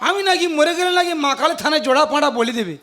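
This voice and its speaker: A man playing a blustering, high-voiced village husband. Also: very fast, very noisy. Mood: furious. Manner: loud, blustering, prone to shouting. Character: hot-tempered village husband and uncle, quarrelsome. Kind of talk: comic folk play. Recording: loud folk music behind.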